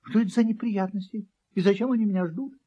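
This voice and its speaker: A man's voice: sits high, quick pace, warm tone, pitched above the performer's own voice. A man voicing a naive, curious little male kitten in a storybook reading, earnest and puzzled. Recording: dull lo-fi recording.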